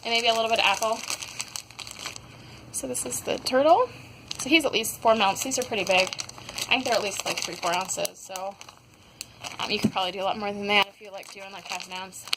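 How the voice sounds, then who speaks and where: A woman's voice: mid-range voice, a little fast, pauses often, noisy background. A young woman casually reviewing scented wax melts at home, rambling with many fillers. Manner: rambling, many ums and likes. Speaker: wax melt haul vlogger. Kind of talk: casual product review chat.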